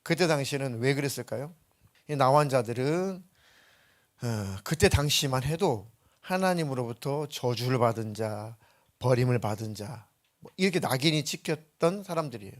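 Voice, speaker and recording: A man's voice: mid-range voice, lively intonation, moderate pace. A male pastor preaching a Sunday sermon in a church, emphatic and full of rhetorical questions. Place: church sanctuary.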